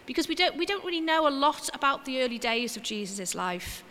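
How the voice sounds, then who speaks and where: Bright-voiced woman preaching in a church. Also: high-pitched, sing-song, fairly quick, big-room sound. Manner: chatty and homely, with gentle self-mocking asides. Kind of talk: informal sermon.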